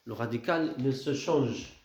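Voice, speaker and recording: A man teaching a grammar lesson, speaking slowly, repeating words and spelling out letters. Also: medium pitch, a little mellow. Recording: echoey room, dull lo-fi sound.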